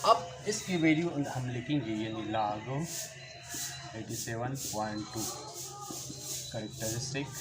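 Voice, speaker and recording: A man teaching a math lesson, explaining slowly, repeating each step and counting aloud. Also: mid-range voice, animated, loud music behind the voice. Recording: noticeable background noise.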